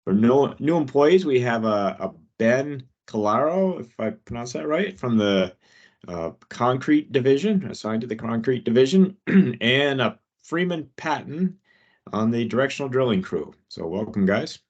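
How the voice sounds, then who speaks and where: A man hosting a work safety meeting over a video call, reading updates in a plain, steady way with some hesitations. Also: medium pitch, moderate pace, lo-fi sound. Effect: heard over a video call.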